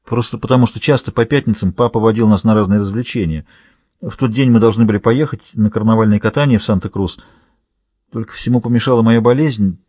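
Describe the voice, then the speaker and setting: A man voicing a shaken, timid teenage girl witness who answers softly and hesitantly. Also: lowish voice, fast talker, no room sound, lightly acted. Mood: subdued.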